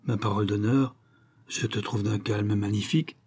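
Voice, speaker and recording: A man's voice: on the low side, fairly even intonation, moderate pace, a little mellow, breathy edge. A man reading the part of a brash, self-satisfied young dandy in an audiobook. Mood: amused.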